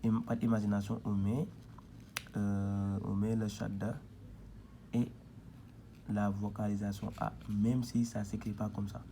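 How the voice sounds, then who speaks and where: A patient man teaches a reading lesson at a board, spelling out syllables one at a time. His voice is low with a gravelly edge. He takes a very slow, unhurried pace, with faint noise behind him. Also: little pitch movement, warm tone.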